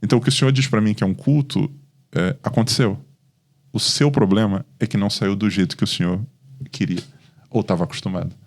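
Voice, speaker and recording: A Brazilian man, a pastor, talking in a podcast with a fairly low voice. He tells his stories with animation and acts out the dialogue between the people in them. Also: fairly even intonation, a little fast. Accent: Brazilian Portuguese. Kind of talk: podcast conversation.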